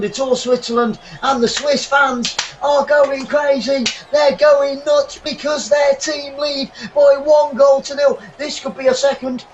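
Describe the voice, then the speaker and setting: A man giving live football commentary, excitable and swearing, shouting at the team. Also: very high-pitched, far from the mic, dull audio, slight background noise. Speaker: watchalong commentator.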